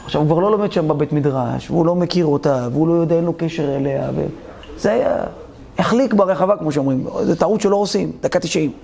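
A man's voice: on the high side, vocal fry, dark tone. A man preaching a sermon as a rabbi, telling a story, acting out its characters and questioning his audience directly.

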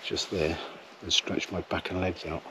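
A man's voice: deep voice, flat delivery, a little slow, noisy background. A middle-aged man with an English accent, chatting plainly as he vlogs his wildlife photography outdoors in a field, camera held at arm's length. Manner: plain, chatty, matter-of-fact. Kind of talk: casual outdoor vlog narration.

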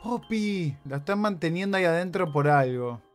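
A man's voice: high voice, animated, normal speed. A man with an Argentine accent giving jokey let's play commentary, yelping and screaming in panic as he plays. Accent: Argentine Spanish. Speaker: gaming YouTuber. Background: background music.

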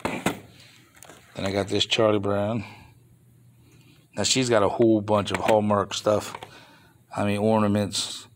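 Sitting indoors at a table of toys, a reseller films his flea market finds on a handheld phone for a casual off-camera show-and-tell vlog. His voice is lowish and flat, and he talks slowly with frequent pauses over some background noise. He rambles about the toys with mild grumbling asides.

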